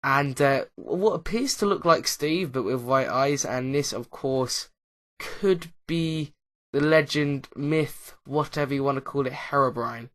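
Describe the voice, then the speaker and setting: This YouTuber rambles casually over his own Minecraft footage, constantly hesitating and filling gaps with uh, um and like. He keeps losing his thread and restarting sentences, in a middle-pitched, fairly bright voice that runs a little slow.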